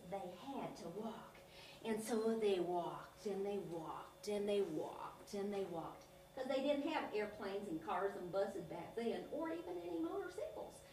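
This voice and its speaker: A woman's voice: mid-range voice, a little mellow. A woman playing a clown, telling a Bible story to children in an exaggerated, sing-song way. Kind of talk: animated children's lesson. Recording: echoey room, from a distance, faint noise.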